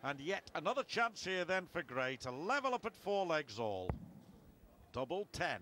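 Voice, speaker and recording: A man's voice: on the high side, big pitch swings, moderate pace, sharp tone. A man giving darts commentary on television with conversational asides. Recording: clearly noisy broadcast with arena ambience.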